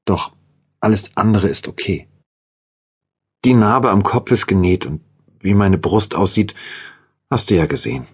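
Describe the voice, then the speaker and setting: A man's voice: sits low, measured pace, long pauses, husky, voice pushed up. A man voicing an injured young woman in a drama audiobook, who speaks in a weak, strained and tender way. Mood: pained, weary.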